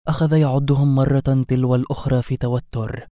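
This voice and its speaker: A man reading a comic novel aloud with an Egyptian accent, steady and plain. His voice is mellow and dark, recorded on a close mic in a dry room. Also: mid-range voice, a little fast, no room sound. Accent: Egyptian Arabic. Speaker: audiobook narrator. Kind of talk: storybook narration with voiced dialogue.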